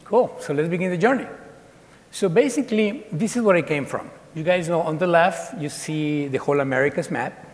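A man in his forties, born in Colombia and raised in Ecuador, speaks to a room of students as guest speaker. His voice sits a little high, and he talks in an easygoing, lively way, full of fillers and restarts. The sound carries a long reverb from a large dark auditorium. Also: a little fast. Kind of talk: casual talk to students.

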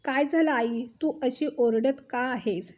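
A woman voicing a calm young husband in a storybook reading. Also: sits high, measured pace, dull audio.

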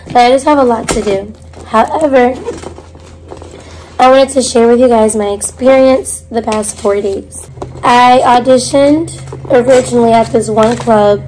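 A woman in her twenties chatting casually to her vlog, her voice hoarse with a smoker's rasp as if half lost. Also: fairly high pitch, dark tone, poor audio. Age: 20s. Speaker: vlogger. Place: hotel-like bedroom, indoors. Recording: noticeable background hum and noise.

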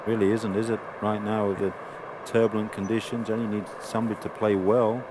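Even, low-pitched male golf analyst. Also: a little fast. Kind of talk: conversational live golf commentary. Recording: noisy outdoor background.

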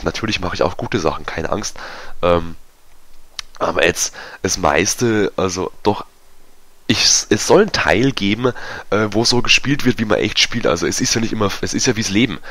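A man giving casual, self-mocking commentary over a multiplayer match, his voice going hoarse. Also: lowish voice, moderate pace, fairly bright tone. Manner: chatty, self-mocking, many fillers. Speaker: gaming YouTuber. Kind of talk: casual let's-play commentary.

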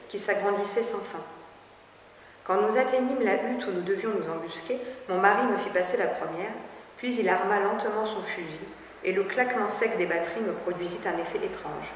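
A woman giving a measured literary reading aloud in a library reading room, recorded from far off with faint hiss. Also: medium pitch. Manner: measured storytelling delivery. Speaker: public reader. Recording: echoey hall, far from the mic, faint hiss.

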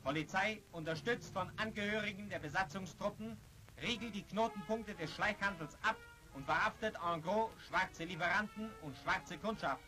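High-voiced man narrating an old newsreel over music. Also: moderate pace, low-quality recording. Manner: formal, solemn declamation. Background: loud music.

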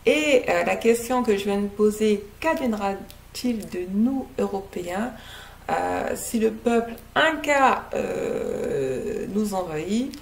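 Seated near her laptop webcam in her living room, a book reviewer from French Guiana gives a casual review of a novel, hesitant and full of fillers. Her medium-pitched, gravelly voice has lively intonation and a slow pace, with a little hiss or hum on the recording.

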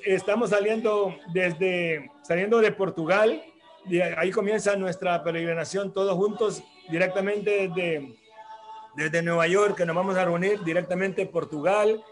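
Church program host, male, high voice, halting and repetitive delivery, soft music bed. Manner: rambling, hesitant, with many restarts and tag questions. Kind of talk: announcements and church talk.

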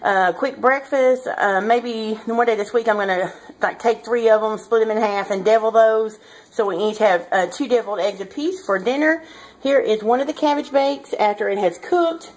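A woman in her thirties, speaking at normal speed in a fairly high voice, chats casually and ramblingly to her viewers as a home cooking vlogger. She addresses them informally, recorded indoors on a handheld camera or phone held at arm's length.

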